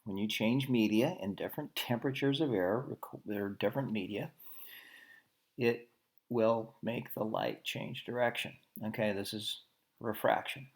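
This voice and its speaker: A man teaching a physics lesson while drawing diagrams, talking conversationally, often saying "okay" and quickly correcting himself. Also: on the low side.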